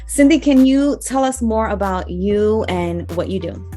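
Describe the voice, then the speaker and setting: A woman's voice: mid-range voice, expressive, measured pace, mellow, faint music behind. A woman hosting an interview show, opening with a friendly welcome and introducing her guest. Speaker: host.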